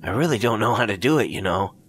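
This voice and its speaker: A man's voice: fairly low pitch, soft background music, pitched above the performer's own voice. A man doing an eager, obsessed young man. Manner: fast, excited, pushy.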